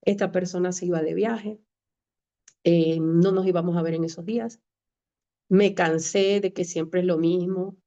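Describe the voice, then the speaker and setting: A woman shares her personal faith testimony in an earnest, emotional way, acting out the conversations she recounts. Her voice sits low and mellow. The recording sounds dull and lo-fi. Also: steady tone, unhurried. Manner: earnest, emotional, re-enacts dialogue. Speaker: testimony speaker.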